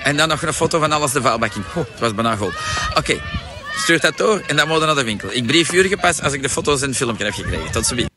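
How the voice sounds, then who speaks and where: A man's voice: medium pitch, big pitch swings, fast, noisy background. A middle-aged Flemish man coaching a viewer on a live stream, pushy and insistent, with lots of repeated fillers. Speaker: coach and shop owner. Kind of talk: live-stream sales pitch answering a viewer.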